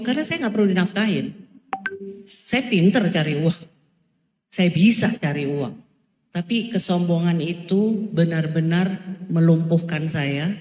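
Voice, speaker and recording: A middle-aged woman preaching a personal testimony in a church hall, speaking in an earnest, confessional, animated way. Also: lowish voice. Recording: echoey long hall reverb.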